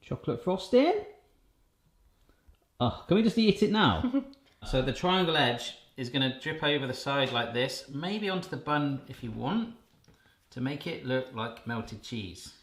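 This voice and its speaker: A man's voice: mid-range voice, expressive, a little slow. Chatty man, echoey kitchen. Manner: chatty, jokey, explains each step. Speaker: cooking channel host. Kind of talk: casual cooking vlog chat. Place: home kitchen. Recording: echoey room with faint noise.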